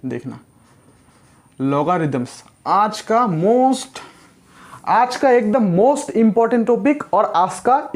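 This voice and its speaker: A man's voice: high voice, a little mellow. A young man teaching a casual whiteboard lesson in a chatty big-brother tone, repeating words to drill them in. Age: young adult. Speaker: physics tutor.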